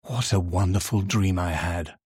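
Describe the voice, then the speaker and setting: A man voicing a vain, dreamy young female table lamp in a storybook reading, sleepy and coquettish, with a husky voice. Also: medium pitch, big pitch swings, unhurried, dry recording, studio quality, voice pushed up, exaggerated voice.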